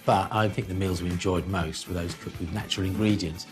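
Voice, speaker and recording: A man's voice: low voice, steady tone, a little fast, over music. A man, a father in a family experiment, chatting casually in a jokey, playful way. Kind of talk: casual chat.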